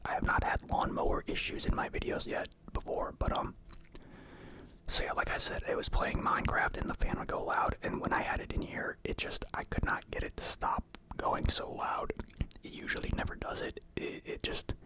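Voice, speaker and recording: This clip features a young man making ASMR mukbang content indoors at home, whispering right up against the microphone. The whisper is fully unvoiced, and he meanders casually, stopping and starting as he goes.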